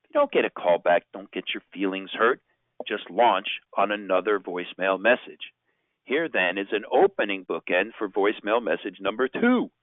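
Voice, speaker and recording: A man's voice: fairly low pitch, animated, moderate pace, dry recording. A man giving an instructional presentation as a sales trainer, informal and emphatic, asking rhetorical questions. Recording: narrow phone-like sound, very dry.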